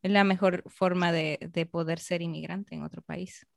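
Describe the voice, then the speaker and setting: Peruvian woman interviewing in a low voice. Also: steady tone, normal speed, creaky, no room sound, clean studio sound. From Peru. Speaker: interviewer, host. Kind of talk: casual conversational interview.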